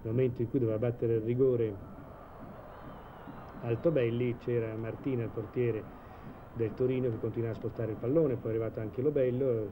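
A man giving measured live football commentary in a 1980s TV broadcast style, hesitating now and then mid-sentence. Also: mid-range voice, phone-quality sound. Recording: old TV broadcast, steady stadium noise.

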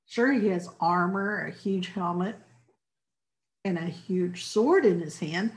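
A woman's voice: lowish voice, slow, low-quality recording. A woman voicing a bold, fearless young shepherd boy in a storybook reading, speaking in earnest, insistent exclamations. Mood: confident.

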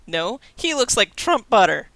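A woman's voice: mid-range voice, sing-song, unhurried, a bit bright, dry recording. A woman streaming a video game, chatting casually, giggling and reading game text aloud.

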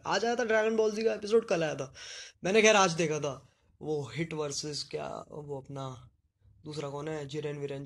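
Young male live streamer, slight Punjabi accent, slightly high voice, playful joking chat with viewers. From Delhi region, India.

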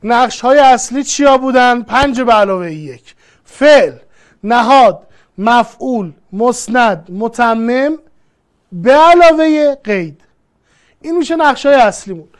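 A woman's voice: fairly high pitch, expressive. Patient woman teaching grammar by example. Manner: patient, repeats rules and worked examples. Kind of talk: online lesson, explaining step by step.

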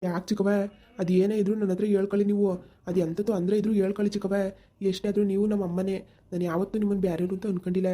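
A woman's voice: mid-range voice, level tone, rapid-fire, warm tone, close to an everyday voice. A woman voicing a kind young village man in a cartoon, insistent and reassuring. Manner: insistent, reassuring, talks over worries. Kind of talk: cartoon voice acting.

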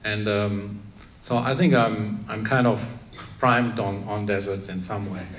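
Earnest lower-voiced man on a panel. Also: steady tone, unhurried, a bit bright, dull audio. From Iran, raised in Germany. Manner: earnest, many restarts and fillers. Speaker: panelist, plant scientist. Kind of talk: panel discussion answer. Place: conference room with audience. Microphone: handheld microphone. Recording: echoey room, faint room noise.

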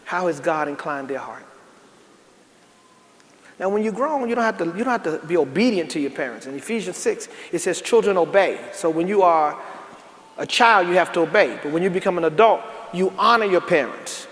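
A pastor with a high, slightly bright voice preaches fairly quickly with lively intonation, folksy in manner, calling out to his congregation and breaking into emphatic bursts. He's in a large church sanctuary, recorded with echo and faint noise.

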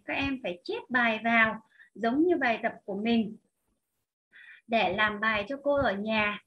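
A woman's voice: a little high, highs cut off. A woman teacher with a Vietnamese accent explaining an English exercise step by step, talking directly to her students. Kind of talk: recorded online lesson.

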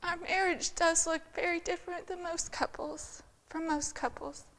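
A middle-aged woman with an extremely high, slightly bright voice tells her personal testimony at a church women's event, speaking at a level tone and moderate pace. She stands at a lectern in a large sanctuary, her earnest, heartfelt story captured by a far camera with slight background noise.

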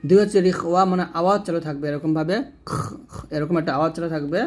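Male recitation teacher, fairly high voice, patient, repetitive demonstrations. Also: a little mellow. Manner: slow, repetitive, demonstrates letter sounds; addresses viewers directly. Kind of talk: tajweed lesson.

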